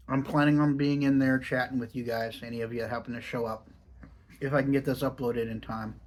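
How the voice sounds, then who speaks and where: American man talking through a lip full of dip. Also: medium pitch. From Oregon, United States. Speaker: dipping tobacco review vlogger. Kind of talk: casual rambling chat to camera.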